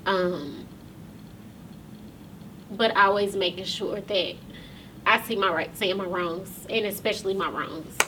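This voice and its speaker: A woman's voice: medium pitch, slow, pauses often, distant mic, background noise. A woman hosting her own podcast and talk show, speaking casually to viewers in a loose, chatty way with many ums, close to tears.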